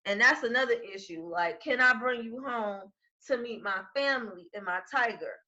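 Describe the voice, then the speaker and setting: A woman's voice: on the high side, lively intonation, moderate pace, sharp tone, muffled recording. A woman hosting a casual podcast chat, talking in a loose, slangy way with joking asides. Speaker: podcast host.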